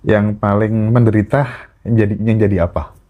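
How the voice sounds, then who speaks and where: A man's voice: lowish voice, little pitch movement, normal speed, lo-fi sound. A man hosting a podcast, asking reflective questions in a casual chat. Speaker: podcast host.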